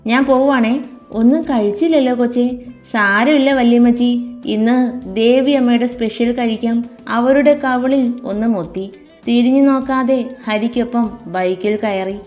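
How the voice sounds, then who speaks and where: A woman's voice: a little high, moderate pace, darkish tone. A woman reading a family love story aloud and voicing every character herself. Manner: shifts tone between narration and dialogue. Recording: faint music behind the voice.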